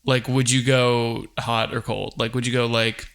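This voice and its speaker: A man's voice: mid-range voice, little pitch movement, unhurried, gravelly, a bit bright. A man from Massachusetts co-hosting a casual podcast, rambling and profane as he asks questions and tells stories. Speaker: podcast co-host. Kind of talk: casual chat.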